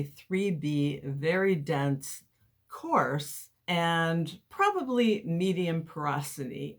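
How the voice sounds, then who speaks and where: Female beauty reviewer, deep register, unhurried delivery, slightly lisped, cottony articulation. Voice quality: slight lisp, as if cotton in the mouth. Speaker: YouTube beauty and hair product reviewer. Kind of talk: sponsored product review to camera.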